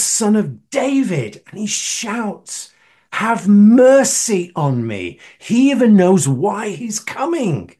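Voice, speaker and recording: Slow, husky preacher. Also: male voice, high-pitched, darkish tone. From northern England. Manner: asks the listeners questions, emphatic. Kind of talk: sermon.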